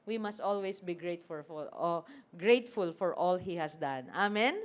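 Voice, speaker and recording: A woman preacher giving a lively sermon, acting out scripture and asking the congregation questions. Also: lowish voice, unhurried. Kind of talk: sermon mixing Tagalog and English.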